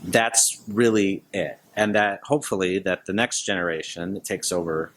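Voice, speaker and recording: A man's voice: deep voice, steady tone, normal speed, a bit bright. A man answering interview questions as a guest, speaking informally in loosely strung thoughts. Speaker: interview guest, business leader.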